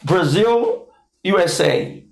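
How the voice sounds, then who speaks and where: Podcast host, man in his fifties, gravelly texture, easygoing rambling delivery; recorded in an echoey room with a faint hiss behind. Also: sits high, wildly swooping pitch, takes it slowly. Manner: rambling, trailing questions with many fillers. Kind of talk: casual interview chat.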